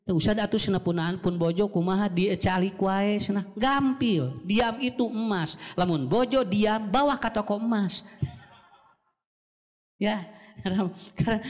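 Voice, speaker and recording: A man with a Sundanese accent preaches on raising children, his voice pitched high for a man. He keeps putting questions to the crowd and then answering them himself. The sound rings out with the long echo of a large hall. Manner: addresses the audience directly, asks and answers his own questions. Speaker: Islamic preacher. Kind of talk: parenting sermon mixing Sundanese and Indonesian.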